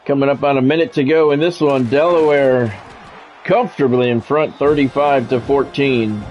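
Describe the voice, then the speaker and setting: Doing play-by-play for a football video game, this streamer switches between announcer mode and casual, grumbly, occasionally profane wisecracks. He speaks at normal speed with a medium-pitched, darkish voice, and the audio is muffled.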